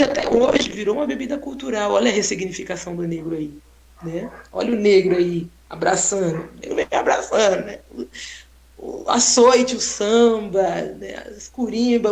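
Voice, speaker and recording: A woman photographer telling a story in a casual, expressive way, exclaiming often and tagging sentences with "né?". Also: mid-range voice, normal speed, creaky. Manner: expressive, exclaiming, frequent "né?" tags. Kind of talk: casual storytelling on a live stream. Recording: roomy echo.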